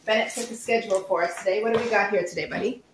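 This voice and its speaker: Chatty homeschooling mom vlogging. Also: female voice, medium pitch, fairly even intonation, very fast, background noise. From Nova Scotia, Canada. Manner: chatty, easygoing. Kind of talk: casual vlog narration.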